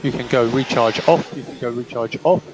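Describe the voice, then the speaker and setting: Brisk and mid-range, this F1 race engineer's voice cuts through heavy car noise on the team radio. He issues short, by-the-book instructions, frequently saying them twice.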